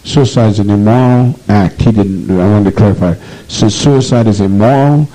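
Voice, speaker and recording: A group leader gives a commanding speech to an assembly, preaching intensely and repeating himself, preserved on an old, rough archival tape. He speaks at a moderate pace in a mellow voice on the low side.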